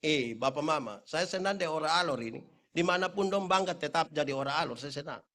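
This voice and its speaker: A man's voice: on the high side, fairly quick, bright, forceful tone. A male pastor with an eastern Indonesian accent, preaching a humorous sermon full of stories, acting out voices and calling out to the congregation. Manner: jokey, acts out voices in anecdotes, calls out to the crowd.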